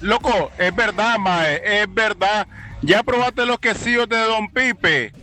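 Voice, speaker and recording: A chatty man rattles on in slang, his voice high and sharp-edged. He drags his words out lazily as he chats with the host. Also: takes it slowly.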